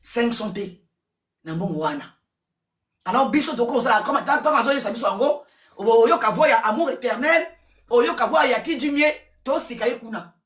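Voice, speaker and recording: A woman giving casual gossip commentary, repeating words and switching languages in an excitable way. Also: a little high. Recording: roomy echo, distant from mic.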